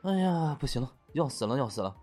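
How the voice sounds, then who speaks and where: Man doing a doting young guardian, soft, coaxing, indulgent, lively pitch. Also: unhurried. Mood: exasperated. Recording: faint music underneath.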